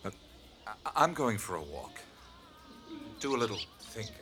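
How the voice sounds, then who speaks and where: A man's voice: lowish voice, sing-song, moderate pace, over music. An actor playing an earnest, baffled, good-natured man in an audio drama, speaking casually and a little hesitantly. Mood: gentle, thoughtful.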